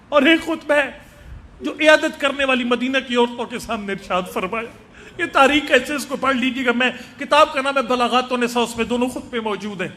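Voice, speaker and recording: High, piercing man wailing a mourning sermon. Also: bright, forceful tone. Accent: Punjabi-tinged Urdu. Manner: chanting, wailing delivery. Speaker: Shia orator. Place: mosque gathering. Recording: crowd and noise from a live gathering.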